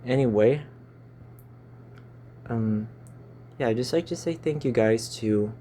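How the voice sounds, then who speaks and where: A Filipino-accented YouTuber in his twenties rambles casually to his channel, stumbling over words, recorded by phone in a small stuffy room. His mid-range voice moves slowly with a dark tone, and there's slight background noise.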